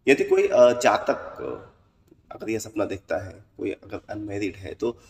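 A man with a fairly low voice speaks in a measured, explanatory way, pausing now and then with "uh" as he walks his listeners through the meaning of a dream. He sounds set back from the mic, and a long echo rings around him as if he were in a bare room. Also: distant mic. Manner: measured and explanatory, with frequent "uh" pauses. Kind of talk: explanatory talk to camera audience.

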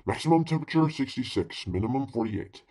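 A man playing a formal 1930s radio news announcer in a radio play, reading bulletins in a husky voice. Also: medium pitch, lively intonation, fast talker, warm tone. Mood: measured, formal.

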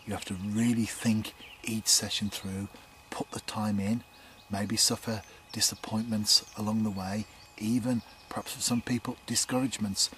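Male angler vlogger, 40s, upbeat and hushed by turns, close camera mic outside, faint background noise. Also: fairly low pitch, little pitch movement, moderate pace, hardly any pauses. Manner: upbeat, chatty, often hushed to a near whisper. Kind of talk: casual outdoor vlog commentary. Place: canal bank outdoors at night and dawn. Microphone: camera mic at close range.

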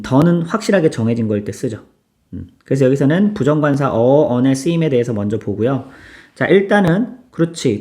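A man teaching English grammar in a casual, chatty lecture, switching between relaxed and polite speech and asking students to repeat examples. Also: mid-range voice.

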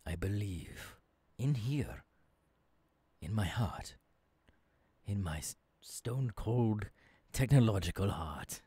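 An earnest futurist professor, acted by a man, guides an apprentice in an intimate ASMR roleplay. His husky voice moves slowly in halting phrases and swings widely between hushed lows and emphatic rises. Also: expressive, no echo, exaggerated voice. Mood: solemn, encouraging. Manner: slow, deliberate, halting phrases dropping into whispers. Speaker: voice actor. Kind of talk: ASMR audio roleplay, intimate second-person monologue. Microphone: close microphone, dry.

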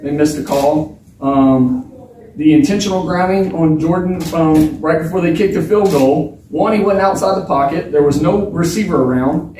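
A man in his thirties speaks at a post-game press conference, frank and halting, often restarting his sentences. His voice is mellow and dark. He sits at a table mic in a bare, echoey room, heard from some distance with faint room noise. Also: high voice. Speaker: football quarterback. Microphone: table mic, filmed from across the room.

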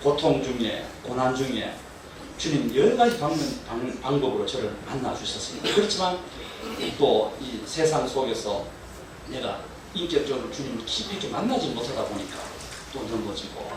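An older man gives a church testimony, earnest and often chuckling. His pitch rises and falls widely as he tells his story. He is heard from a distance in a very echoey hall, with steady noise behind him. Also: moderate pace. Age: 60s. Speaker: deacon giving a testimony.

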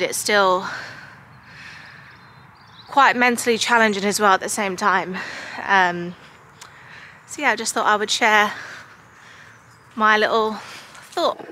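A woman's voice: mid-range voice, bright, forceful tone, slight background noise. A woman in her thirties, talking casually and frankly to camera as a vlogger, rambling with lots of "like" and "um". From United Kingdom. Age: 30s. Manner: rambling, filled with likes and ums; frank, confiding.

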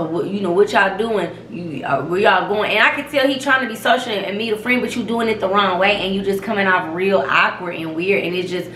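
A young woman tells a story on her vlog with loud, profane emphasis and lots of animation. Her voice is bright and a touch high. The sound bounces around an echoey room, with faint noise behind her. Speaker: vlog host. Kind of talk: casual storytelling rant.

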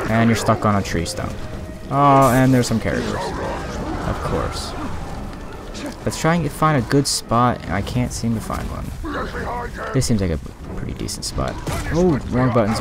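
A man's voice: medium pitch, big pitch swings, normal speed, gravelly, long pauses, over music. A man giving casual commentary while playing a video game, muttering and swearing in frustration. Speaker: let's play gamer.

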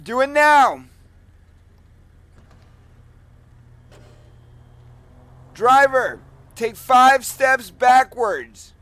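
A man shouting drawn-out, commanding police orders as if over a bullhorn in a game role-play. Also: very high-pitched, lively intonation, no room sound. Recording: noisy game audio with vehicle sounds.

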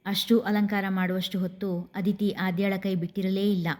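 A woman host narrating a serialized story in a gentle, even manner. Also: medium pitch, normal speed.

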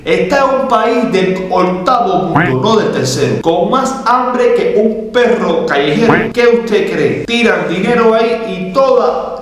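Animated Cuban man, echoey room. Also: sits high, a little slow. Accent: Cuban Spanish. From Cuba. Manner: animated, gesturing, mocking and emphatic. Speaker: host of a meme commentary channel. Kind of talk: casual commentary to camera. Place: small indoor room with neon lights.

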